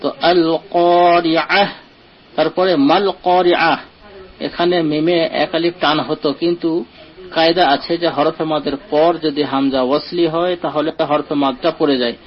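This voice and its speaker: A man teaching the rules of Quran recitation, explaining each rule step by step and slowly chanting the example words. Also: a little high, steady tone. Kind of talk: online tajweed lesson explanation. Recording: dull lo-fi audio.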